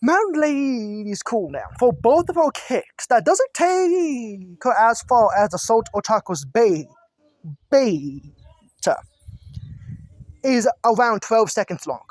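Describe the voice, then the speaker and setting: A woman's voice: a little high, big pitch swings, slow, darkish tone, no echo. A woman talking outdoors in a casual chat about game balance, chatty and often stumbling and restarting her words. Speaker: gamer giving balance ideas.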